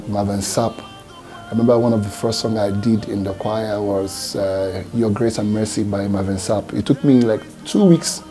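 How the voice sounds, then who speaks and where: A Nigerian gospel singer answers interview questions reflectively and hesitantly, full of fillers and restarts. His voice is lowish with a dark tone.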